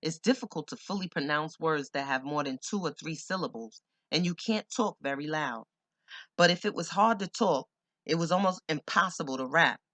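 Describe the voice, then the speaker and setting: A man's voice: fairly high pitch, normal speed, sharp tone, dry recording. A man reading a first-person memoir audiobook in a blunt, streetwise, profane way. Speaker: audiobook narrator.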